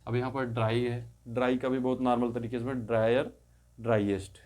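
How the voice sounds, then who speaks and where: A man at an ordinary middle pitch leads a step-by-step grammar lesson. He is patient and unhurried, repeating each word form slowly. He explains in Hindi and says the English forms aloud. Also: flat delivery, a little mellow.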